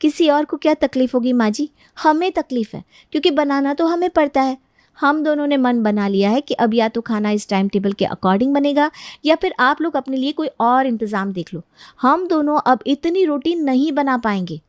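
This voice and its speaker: In an animated family story, a woman with a high voice plays a feisty, argumentative young daughter-in-law who lectures in exasperation. Her mood is firm and her pace moderate. The recording is dry.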